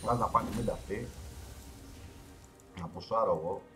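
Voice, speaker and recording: A man streaming a game live, commenting casually as he plays and swinging from loud outbursts to low mutters. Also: music in the background.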